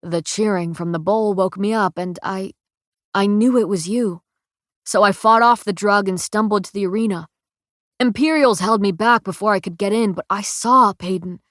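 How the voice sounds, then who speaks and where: A woman reading the lines of a remorseful young male soldier in a soft, choked, low-key way. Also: moderate pace, no room sound, studio quality, close to an everyday voice.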